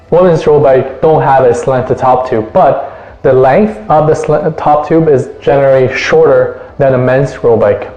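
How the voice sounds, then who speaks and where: A man's voice: a little high, mellow, muffled recording. A man hosting a review show, presenting in an upbeat, enthusiastic scripted way. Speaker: host of a bike review show. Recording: roomy echo, faint music.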